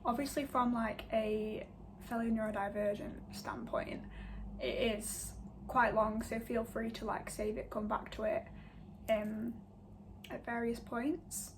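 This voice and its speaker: A woman's voice: a little high, flat delivery, a little slow, background noise. A young woman from England with a northern English accent, hosting a casual podcast chat, giggly and self-mocking. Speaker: podcast host.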